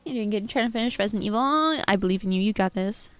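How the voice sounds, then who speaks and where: A woman live-streaming a game chats fast with lively intonation in a medium-pitched, clean voice, soft music playing behind her. Putting on a stiff, formal character accent, she warmly greets raiders and her chat.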